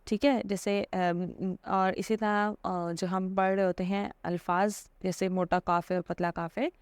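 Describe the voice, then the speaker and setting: A woman's voice: mid-range voice, flat delivery, clear, resonant tone, no echo. A woman giving an informal religious lesson, explaining patiently with frequent fillers and check-ins. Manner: patient and explanatory, with many fillers and repeated "theek hai". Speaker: Islamic teacher.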